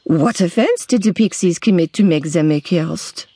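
A woman's voice: on the low side, no room sound. A woman reading an audiobook, voicing a hot-tempered young woman who snaps and hisses her words. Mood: curious. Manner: sharp, hissing, quick to snap. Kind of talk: audiobook character voice.

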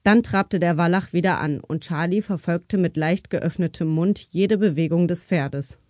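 A woman's voice: fairly low pitch, normal speed, darkish tone, no echo, clean studio sound. Woman narrating a crime audiobook. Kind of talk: scripted narration.

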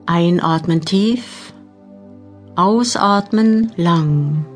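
Slow, low-pitched woman guiding meditation. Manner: measured, instructing, with long pauses. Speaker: mental training narrator. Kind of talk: guided meditation audiobook narration. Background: new-age music.

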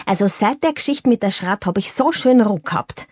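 A woman voicing an excitable, lovesick man, a stage actor, who talks in a gushing, emphatic with a husky tone. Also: mid-range voice, fairly quick, dry recording, clean studio sound.

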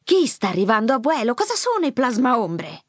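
A worried teenage girl presses with anxious questions, as a woman narrator voices her. The voice swings lively in pitch, and the recording is close and dry. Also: fairly quick, no room sound. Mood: anxious questioning. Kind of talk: audiobook character voice.

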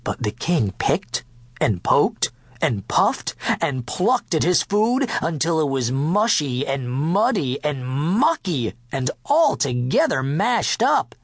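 A man narrating a children's picture book in first person as a dog, playful and expressive. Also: on the high side, husky, no echo. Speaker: audiobook narrator.

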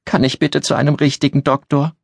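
A small, frightened girl in pain, her voice pitched well up high and husky at the edges, as a male narrator puts her on for an audiobook. She pleads plaintively, close to the mic in a dry, deadened room. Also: level tone, fairly quick, no room sound. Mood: pleading.

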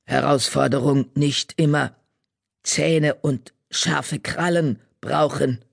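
A man voicing a slow, wise old badger woman. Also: a little high, gravelly, dry recording, studio quality, exaggerated voice. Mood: calm. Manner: slow, broken word order, calm.

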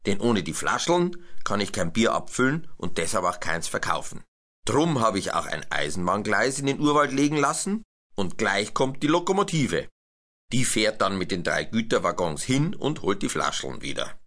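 A man's voice: on the low side, sing-song, normal speed, fairly bright tone, heavily acted. A man voicing a grumpy, fussy male brewery master in a children's story. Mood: indignant. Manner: fussy, indignant.

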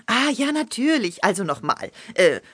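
A woman voicing a patient hen who keeps gently correcting the rooster, in a children's audiobook. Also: mid-range voice, very animated, slightly rough, dry recording, clean studio sound. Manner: gently correcting, soothing, unhurried. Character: patient, know-it-all hen, Serge's companion.

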